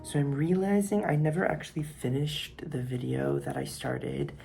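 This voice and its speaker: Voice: mid-range voice, moderate pace, vocal fry, music in the background. A person in their twenties, a college student vlogging casually while walking around outdoors, rambling and laughing often. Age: 20s. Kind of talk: casual vlog chat.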